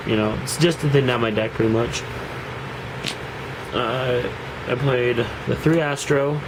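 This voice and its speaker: With background noise behind him, a mid-range-voiced young man from the Seattle area talks through a card deck in a laid-back deck profile vlog. He has a cold that leaves him nasal, and his rambling is packed with fillers and restarts.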